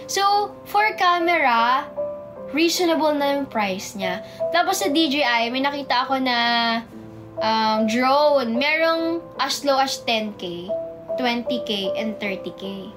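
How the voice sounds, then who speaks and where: A young woman with a high, girlish voice and a Filipino accent chats to her fans on a phone livestream. She is bubbly and eager, stumbling slightly over words because of a sore mouth. Music plays clearly behind her. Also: slow pace. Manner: bubbly, greets viewers by name with excited squeals. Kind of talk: casual livestream chat, reading comments. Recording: music playing in the background.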